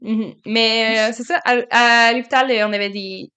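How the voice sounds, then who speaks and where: Young woman, Québécois accent, slightly high voice, chatty, enthusiastic, podcast co-host. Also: steady tone, normal speed, bright, forceful tone. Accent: Québécois French. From Quebec, Canada. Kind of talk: casual chat.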